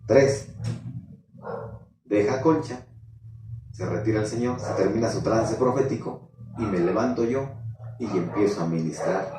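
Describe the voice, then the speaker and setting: A male pastor giving an animated sermon testimony, quoting his own prayers as he tells the story. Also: fairly low pitch, slight background noise. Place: church. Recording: echoey church hall, distant mic.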